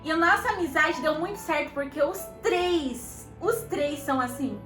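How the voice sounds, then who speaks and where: A Brazilian woman casually telling a couple's story, lively and laughing often as she acts out what others said. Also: sits high, normal speed. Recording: echoey room with background music.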